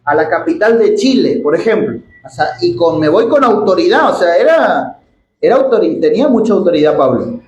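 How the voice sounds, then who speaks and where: A high-pitched man with an Argentine accent preaches in an echoey church hall. He reads scripture slowly, stretching out the quoted words, then slips into casual explanation full of restarts and rhetorical questions. A faint hiss of background noise runs under him. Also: very animated, darkish tone, highs cut off. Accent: Argentine Spanish. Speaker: pastor. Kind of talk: sermon.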